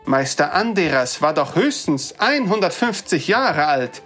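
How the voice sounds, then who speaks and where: A storyteller voicing a hurried, flustered male dwarf toymaker who stammers and fusses. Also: medium pitch, sing-song, a bit bright, faint music behind. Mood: wary. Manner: stammering, eager, fussy.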